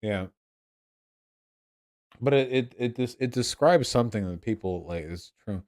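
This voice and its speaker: A man's voice: medium pitch, expressive, measured pace, darkish tone. A young man rambling casually to a livestream chat, sounding drunk, repeating and restarting his phrases. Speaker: livestream host answering chat.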